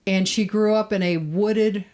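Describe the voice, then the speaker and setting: A woman's voice: medium pitch, fairly even intonation, unhurried, darkish tone. A woman co-hosting a true-crime podcast, telling stories in a chatty, casual way with fillers. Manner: chatty storyteller, frequent fillers. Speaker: podcast co-host.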